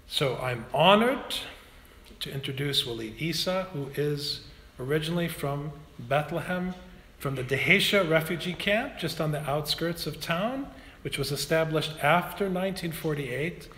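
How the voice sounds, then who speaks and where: A man's voice: fairly high pitch, a bit bright. A man, a parish priest, earnestly introducing a guest speaker in a church hall. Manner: earnest, emphatic. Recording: roomy hall echo with faint noise.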